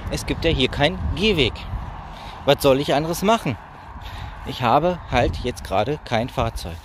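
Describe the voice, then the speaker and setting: A man's voice: mid-range voice, expressive, moderate pace. Man rambling as he walks, noisy outdoor recording. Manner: rambling, talking while walking. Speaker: vlogger. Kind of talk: casual chatty walking vlog. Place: outdoors on a village roadside. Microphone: phone held at arm's length.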